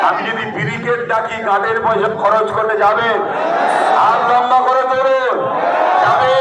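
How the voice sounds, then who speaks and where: A man with a West Bengal accent giving a rousing religious rally speech, exhorting the crowd and asking it to respond. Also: sits high. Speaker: religious leader addressing a rally. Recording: very echoey distant PA with crowd.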